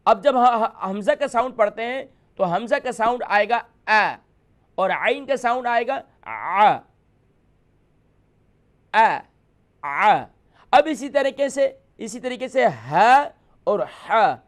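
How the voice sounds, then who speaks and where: A man's voice: very high voice, expressive. A man hosting a televised call-in lesson, explaining and demonstrating letter sounds patiently, repeating his points. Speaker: host teaching letter pronunciation.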